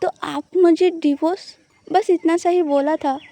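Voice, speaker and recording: A woman's voice: very high-pitched, steady tone, unhurried, mellow, voice pushed up. A woman voicing a reluctant, irritable young wife who sulks and pleads. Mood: sulky. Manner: pleading, sulky.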